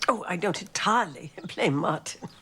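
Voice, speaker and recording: A woman's voice: on the low side, expressive, moderate pace, bright, forceful tone, breathy edge, full character voice. An older woman with an English accent playing a cool, haughty elderly mother in a television drama, with a clipped, genteel dowager-duchess manner. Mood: stiff, guarded.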